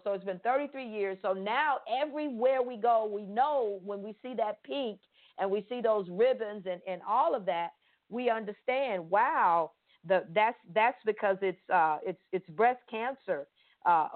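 A middle-aged woman from Florida hosts a faith-based podcast with earnest enthusiasm. She leans on repeated words for emphasis, in an ordinary middle pitch. Her voice is thin and tinny, as if heard over a phone. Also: moderate pace. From Pensacola, Florida. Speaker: podcast host.

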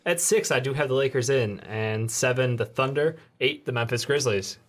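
A man's voice: mid-range voice, normal speed. A man co-hosting a sports podcast in casual chat, with a dry, joking manner. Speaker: podcast co-host.

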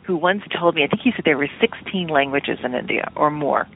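A woman television producer, a radio interview guest, talks casually in a low voice, a little fast, over a tinny phone line. She's chatty and hedging, thinking aloud as she goes.

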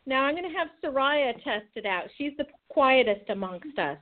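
A woman's voice: high-pitched, expressive, normal speed. A woman guest speaking over a tinny speakerphone line, explaining a contest in an organized, step-by-step way. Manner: organized, walks through plans step by step. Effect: tinny phone line on speakerphone. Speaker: state 4-H program leader, guest. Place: out on location with others around.

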